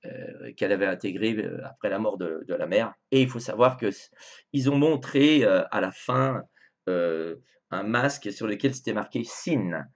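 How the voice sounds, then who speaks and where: A man's voice: on the low side, moderate pace. A man hosting a video, commenting on song lyrics in a casual, hesitant way with frequent filler sounds, turning indignant at times. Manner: animated, indignant asides.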